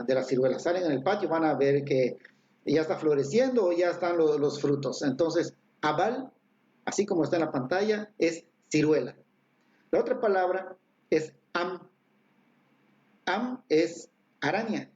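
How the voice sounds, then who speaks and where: A man's voice: a little high, warm tone, muffled recording. A man teaching an online language lesson, explaining patiently with many fillers and tag questions.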